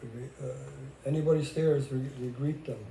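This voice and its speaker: This older Hungarian vlogger, with his Hungarian accent, talks about his own life and relationships in casual conversation. He has a mid-range, dark-toned voice with fairly even intonation and speaks at a normal speed. Faint background noise and a roomy echo can be heard.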